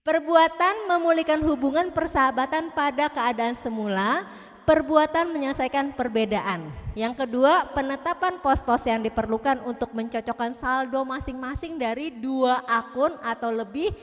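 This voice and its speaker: A woman's voice: high-pitched, a bit bright. A middle-aged woman giving a chatty, playful talk to a church youth group, talking straight to the audience. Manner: chatty, playful, laughs often, talks to the audience. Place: church hall. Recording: reverberant hall.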